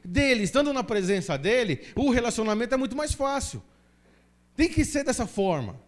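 A man's voice: very high-pitched, big pitch swings, normal speed. A Brazilian man preaching a sermon as pastor in a church, emphatic and full of rhetorical questions. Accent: Brazilian Portuguese.

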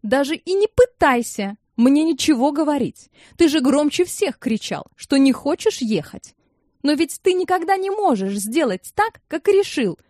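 An indignant middle-aged mother snaps back in short, clipped remarks. Her voice sits raised and lively, as a woman narrator puts her on, in a dry storybook reading. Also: sits high, normal speed, dry recording, voice pushed up.

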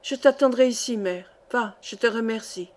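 A woman reading aloud and voicing a starving young male rebel who speaks in a hushed, breathless way. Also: fairly high pitch, normal speed, natural voice. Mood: desperate.

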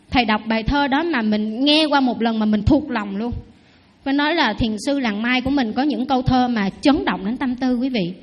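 Lively high-voiced nun preaching. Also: female voice, dull audio. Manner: lively, teasing storyteller who asks the audience questions. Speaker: Buddhist nun giving a dharma talk. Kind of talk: sermon.

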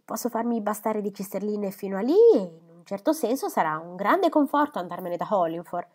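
A woman voicing a lively, impulsive young woman in a storybook reading, eager and quick to brighten. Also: mid-range voice, natural voice.

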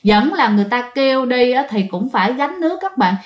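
A woman's voice: high voice, animated, brisk, echoey room, muffled recording. Chatty Southern Vietnamese woman telling ghost stories. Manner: chatty, addresses listeners directly. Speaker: ghost story narrator. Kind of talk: casual spoken storytelling.

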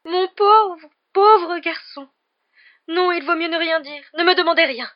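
A mournful, theatrical fortune-teller woman, as an audiobook reader puts her on wails her warnings in a high, loud voice. Her lines swing widely and hang on every word of doom. The recording sounds dull and lo-fi. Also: expressive, moderate pace. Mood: wailing. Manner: theatrical, wailing, breathy dread.

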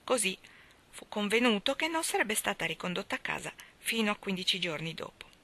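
A woman reading a classic novel aloud in a measured, expressive storytelling manner. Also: mid-range voice. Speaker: reader.

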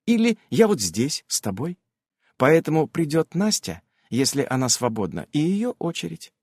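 A man voicing a chirpy young female magic companion with a squeaky, bubbly voice in an audiobook. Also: big pitch swings, normal speed, no echo, studio quality. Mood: explaining. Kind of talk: audiobook character voice.

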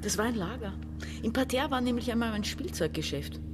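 A woman's voice: on the high side, animated, brisk, noisy background, lightly acted. An actress playing a bossy, hard woman in her forties who gives curt orders and scolds. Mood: commanding. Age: 40s. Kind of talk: radio play acting.

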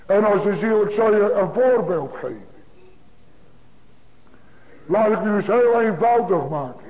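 High-voiced preacher over a tinny line. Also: male voice, lively intonation, a little slow, crowd noise. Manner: emphatic, repetitive preaching cadence. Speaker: pastor. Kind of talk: sermon. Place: church. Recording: tinny phone-like broadcast in a large reverberant church.

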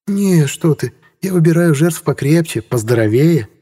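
A man voicing a cool, sharp-tongued businesswoman who speaks coldly and sarcastically. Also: fairly high pitch, expressive, normal speed, breathy edge, voice pushed up. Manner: cold, sarcastic.

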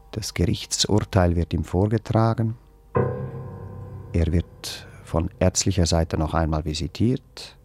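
In a naturalistic radio play, a male actor with a deep, darkish voice plays a pedantic, self-important musician. He comes across as wordy and hesitant, laying things out with clinical precision.

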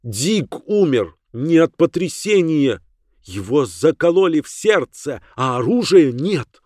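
A man voicing an agitated young man who shouts in shock. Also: a little high, sing-song, slow pace, no room sound, clean studio sound, voice pushed up, exaggerated voice. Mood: desperate. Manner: urgent, shouting.

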